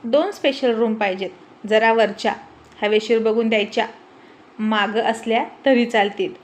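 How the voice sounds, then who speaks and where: A woman's voice: a little high, fairly even intonation, moderate pace, lightly acted. Woman reading as a bossy village guy barking orders, teasing and scolding the staff, storybook voice. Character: bossy, quick-witted village man ordering hotel staff.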